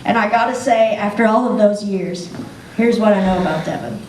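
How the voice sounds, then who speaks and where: A woman's voice: medium pitch, brisk, darkish tone. A young woman giving an emotional wedding toast as the best friend, laughing often and close to tears. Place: wedding reception room. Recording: echoey room, distant mic, faint noise.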